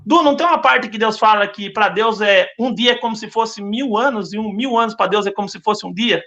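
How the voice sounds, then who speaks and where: Bright-voiced Brazilian man giving testimony. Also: high voice, a little fast. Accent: Brazilian Portuguese. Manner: earnest, repetitive storytelling. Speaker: podcast guest. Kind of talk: religious testimony.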